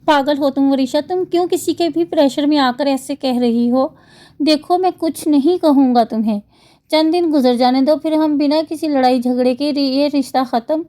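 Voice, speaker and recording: A woman's voice: high-pitched, mellow, lightly acted. A woman reading the lines of an exasperated 33-year-old husband who pleads in a helpless tone. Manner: helpless, coaxing tone. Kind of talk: novel reading.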